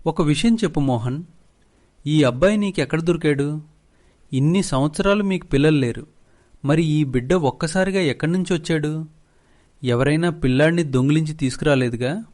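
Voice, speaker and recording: A man's voice: a little high, normal speed, pauses often, a little mellow, pitched above the performer's own voice, lightly acted. A man voicing a greedy middle-aged village headman who talks with sarcasm and scorn. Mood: suspicious.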